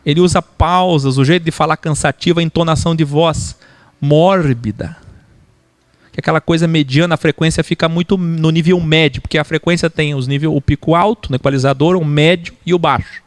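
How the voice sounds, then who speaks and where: A man from Brazil teaching church teachers how to speak, lecturing in an animated way and mimicking preaching voices. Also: a little high, a little fast, no room sound.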